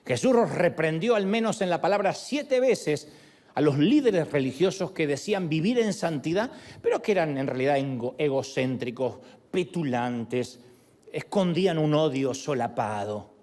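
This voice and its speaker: A man preaching a sermon, animated, switching voices for quotes and jokes. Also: on the high side, normal speed. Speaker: pastor.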